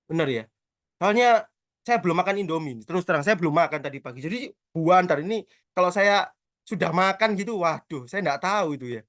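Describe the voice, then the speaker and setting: A man's voice: high voice, no room sound, clean studio sound. A middle-aged man, a church prayer trainer teaching the Bible in a casual, talkative and joking way. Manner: talkative, quick and animated, with self-mocking humor.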